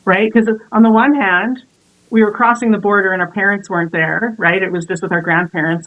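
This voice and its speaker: A woman's voice: on the low side, narrow, tinny audio. A woman in casual chat, telling stories with frequent laughter.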